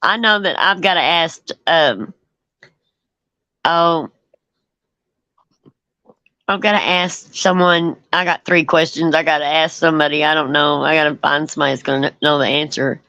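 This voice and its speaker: A woman's voice: low-pitched, steady tone, moderate pace, long pauses, sharp tone, no echo, lo-fi sound. A woman co-hosting a casual livestream chat, rambling and laughing easily. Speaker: co-host.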